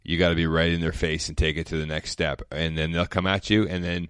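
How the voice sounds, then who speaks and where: Man, very low voice, dry close sound, rambling anecdotal guest. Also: flat delivery, quick pace, fairly bright tone, clear, resonant tone, no room sound. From Canada. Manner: rambling, laid-back, frequent fillers. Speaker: former pro football player, guest. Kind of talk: casual storytelling chat.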